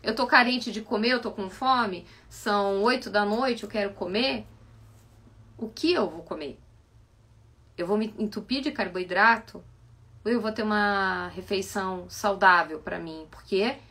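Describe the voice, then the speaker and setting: A woman with a Brazilian Portuguese accent, a psychoanalyst giving a reflective live-stream talk full of animated rhetorical questions. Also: mid-range voice, measured pace. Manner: asks many rhetorical questions, animated and coaxing.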